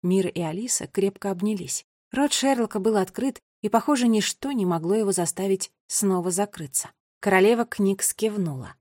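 A woman narrating a children's fantasy story in a lively, dramatic reading. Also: mid-range voice, normal speed, hardly any pauses, dry recording, studio quality. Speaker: audiobook reader. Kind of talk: scripted narration.

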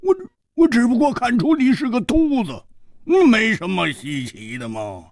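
A man's voice: on the high side, wildly swooping pitch, takes it slowly, creaky, no room sound, clean studio sound, pitched above the performer's own voice, exaggerated voice. A man voicing a proud young swordsman who stammers when flustered, in a radio storytelling performance. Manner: stammering, indignant. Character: startled young male swordsman, blunt and proud.

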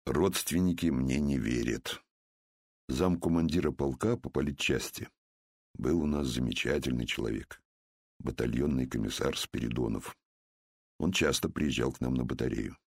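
A man with an extremely deep, husky voice narrates a first-person memoir. He tells it in a calm, measured way, and the recording is close and dry with no room sound. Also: dry recording.

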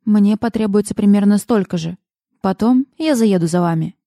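A woman's voice: medium pitch, normal speed, dark tone, no echo, lightly acted. A woman reading a sardonic, commanding male boss. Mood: mocking. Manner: mocking, dry, commanding.

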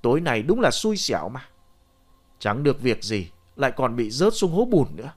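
A male narrator voicing a gruff old grandfather, a grave digger who curses and scolds bluntly. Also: mid-range voice, sing-song, moderate pace. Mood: grumbling.

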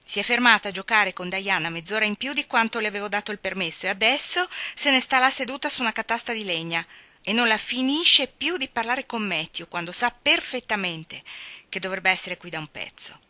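Woman doing a stern older guardian, scolding, brisk, firm, bright voice, dry sound. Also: mid-range voice, no echo.

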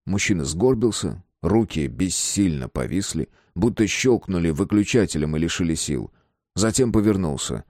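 Low, lively male audiobook narrator. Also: normal speed, no room sound, studio quality. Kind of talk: scripted narration.

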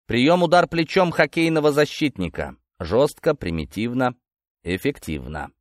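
A man narrating a first-person audiobook in a lively, expressive storytelling manner. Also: medium pitch, normal speed, no room sound, clean studio sound.

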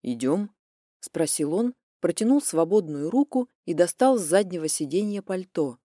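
A woman narrating a first-person novel in an expressive storytelling voice. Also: fairly low pitch, normal speed, no room sound, clean studio sound. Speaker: audiobook narrator.

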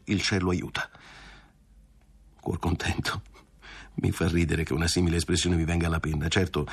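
A man narrating a classic novel as an audiobook, with a measured, dramatic reading. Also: low-pitched, breathy edge. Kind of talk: literary reading.

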